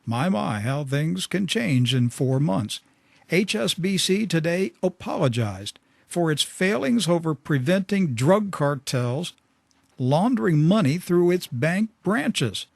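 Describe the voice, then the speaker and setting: A man's voice: on the high side, very animated, slow, creaky, no echo. A man hosting a radio talk show, fervent and emphatic, speaking into a studio microphone.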